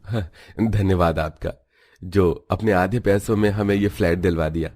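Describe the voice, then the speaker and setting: A man's voice: deep voice, steady tone, moderate pace, darkish tone. A man voicing a humble, earnest poor working man in a cartoon story. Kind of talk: cartoon voice acting.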